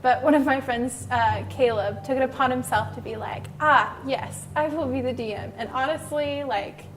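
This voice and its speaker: A woman's voice: high-pitched, normal speed, a little hiss or hum. A woman in her twenties answering interview questions casually and chattily, with lots of "um" and "like". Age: 20s. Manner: chatty with many fillers. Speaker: club member interviewee. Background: background music.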